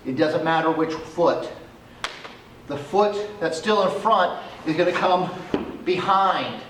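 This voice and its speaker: Speaking slowly in a fairly high, slightly bright voice, a male instructor breaks down self-defense techniques as he shows them. The setting is an outdoor cement area, and the audio comes from a distant camera, echoey with slight background noise.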